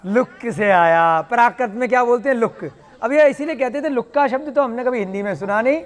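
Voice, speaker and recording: High-voiced teacher in a reverberant room. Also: male voice. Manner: patient, explains with questions and playful asides. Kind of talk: online language class.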